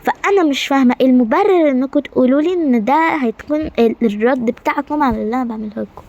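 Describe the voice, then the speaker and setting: A woman with an Egyptian Arabic accent voicing a haughty, short-tempered queen who scolds her staff in rapid complaints. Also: high voice, darkish tone, dry recording. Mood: indignant. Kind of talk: amateur game-animation drama voicing.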